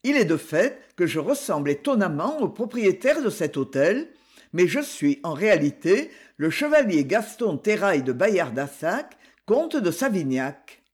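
A man reading the part of a calm, courteous gentleman knight in an audiobook. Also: sits high, a little slow.

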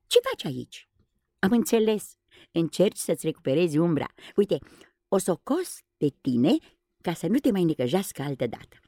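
A woman's voice: fairly low pitch, big pitch swings, dry recording, studio quality, voice pushed up. A woman voicing a curious, caring young girl in a storybook reading. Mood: gentle. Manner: wondering, gentle.

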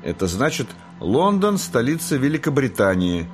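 Man playing a high bright schoolgirl, lively. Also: moderate pace, faint music behind, lightly acted. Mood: helpful. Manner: explaining, clear.

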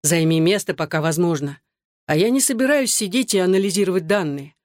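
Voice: medium pitch, expressive, a little fast, no room sound, studio quality, lightly acted. An audiobook reader voicing a defiant young man just out of military academy, arguing in a raised voice. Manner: argumentative, raised voice. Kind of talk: audiobook reading.

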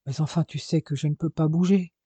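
A man reading aloud as an injured young man who speaks quietly and subdued. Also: a little high, fairly even intonation, brisk, breathy edge, no echo. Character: weak injured young man, fearful and remorseful.

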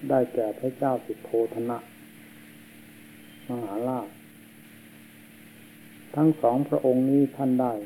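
A man, a monk, giving a slow and solemn sermon, heard on an old worn tape. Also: mid-range voice, steady tone, mellow, slight background noise, rough recording. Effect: old worn tape recording.

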